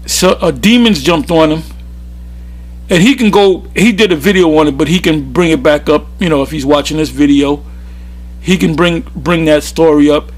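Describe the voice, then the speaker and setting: A man giving an informal, rambling sermon, often restarting his sentences. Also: a little high. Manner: rambling, with frequent restarts and fillers. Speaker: religious teacher.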